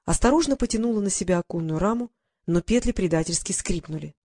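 Woman reading a storybook aloud, steady narrator. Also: on the low side, fast talker. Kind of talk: audiobook narration.

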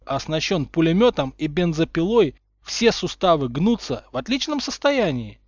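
A mocking, flippant teenage boy wizard, voiced by a man reading aloud. The voice sits a little high and sounds cheeky. The recording is dull and dry. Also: animated, moderate pace, dry recording, lightly acted. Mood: cocky, mocking. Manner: sarcastic, flippant.

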